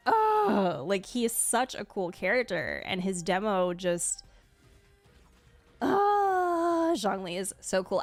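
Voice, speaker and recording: A woman with a mid-range voice, recorded with no room sound, works through a ranking as a casual, giggly host. She's a video host and streamer, and her reaction commentary is gushing and full of enthusiasm.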